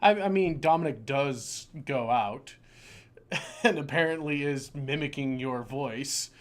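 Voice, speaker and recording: A man running a tabletop game as game master, excitable and prone to swearing and stumbling over his words. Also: medium pitch, slow pace.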